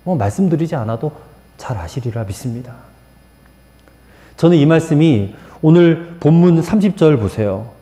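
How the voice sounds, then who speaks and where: Man, pastor, sermon, lively pitch, warm tone, roomy church echo. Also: normal speed. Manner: animated preaching, shifting from soft to emphatic. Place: church sanctuary. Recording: echoey church hall.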